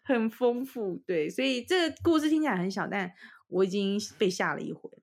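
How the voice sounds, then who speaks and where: A young woman from Taiwan tells a ghost story at a mid pitch. She talks casually and acts out the quoted lines with lively shifts. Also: fairly quick. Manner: animated storytelling, acting out quoted voices with laughs. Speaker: podcast co-host.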